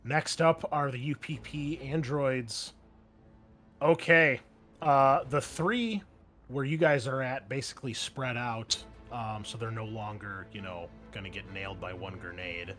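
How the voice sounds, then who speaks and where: A man with a medium-pitched, fairly bright voice hosts an actual-play show as game master, narrating a tabletop game a little slowly and informally. He throws in wry asides and casual swearing over background music.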